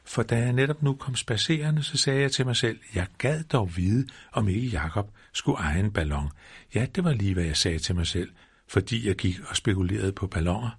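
A man's voice: on the low side, vocal fry, breathy edge, full character voice. A man voicing a simple, honey-loving male teddy bear who muses aloud and hums little rhymes in a storybook reading. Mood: chatty. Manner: musing aloud, sing-song rhymes.

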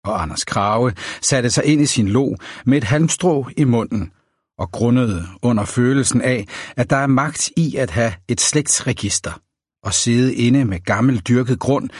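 A man reading a novel aloud as an audiobook narrator, in a measured, even storytelling manner. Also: medium pitch, slightly rough, no room sound, clean studio sound.

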